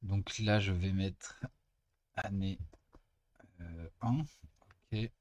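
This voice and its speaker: A teaching assistant talks through programming exercises in a relaxed, chatty way, pausing often as he thinks. His voice sits very low. The sound is dry and close, with no room echo. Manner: casual, chatty explaining with frequent pauses. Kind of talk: screen-recorded coding lesson.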